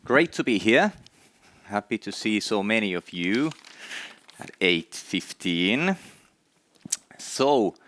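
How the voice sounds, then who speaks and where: A man's voice: on the low side, animated, slow, pauses often, a bit bright, no echo. A middle-aged man from Finland with a Finnish accent, giving an earnest conference presentation with many hesitations. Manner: earnest, with frequent "uh" hesitations and repeated words. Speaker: conference speaker. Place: conference hall.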